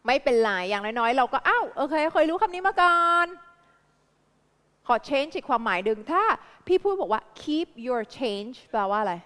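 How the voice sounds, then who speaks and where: A Thai woman tutoring a live class in English vocabulary, with a Thai accent, firing quick repeated questions at her students. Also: high voice, lively intonation, a bit bright, big-room sound. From Thailand.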